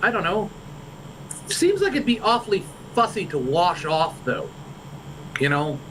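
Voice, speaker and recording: A man's voice: high voice, wildly swooping pitch, a little slow, a bit bright, slight background noise, rough recording. A man hosting a livestream, chatting in character in fantasy improv, stammering and rambling with many restarts. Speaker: livestream role-play host.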